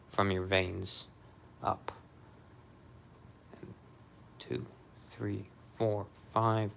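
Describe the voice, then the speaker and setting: A man casually talking through an exercise demonstration and counting out repetitions in a low-key, often murmured way. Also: creaky, fairly bright tone. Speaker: vlogger recovering from surgery, demonstrating exercises.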